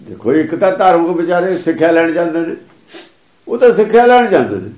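A man's voice: a little high, sing-song, a little fast, a little mellow, reverberant. A man giving a sermon that explains scripture, repeating and chanting its lines with emphasis. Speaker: religious preacher.

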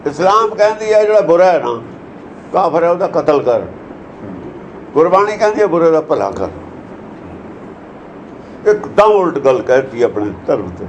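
A man's voice: fairly high pitch, sing-song, moderate pace, long pauses, slight background noise, rough recording. A man giving a religious discourse that explains verses, lecturing earnestly and asking many rhetorical questions. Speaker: preacher.

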